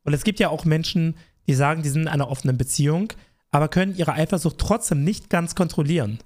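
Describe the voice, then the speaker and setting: Ein junger Mann, Co-Host eines Podcasts, der locker plaudert und lebhaft staunend reagiert. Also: male voice, a little high. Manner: animated, quick astonished reactions. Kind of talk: casual chat.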